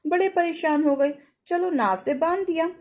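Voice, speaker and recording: Woman storyteller for a devotional tale, high animated voice, mellow tone, homely plain delivery. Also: normal speed. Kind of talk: devotional folk tale narration.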